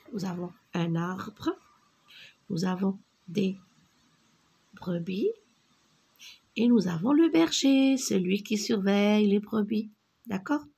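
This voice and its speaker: A woman teaching a reading lesson for young children, speaking slowly and deliberately, repeating words and sounding out syllables. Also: mid-range voice, a little mellow, breathy edge. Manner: drops to a whisper on single words.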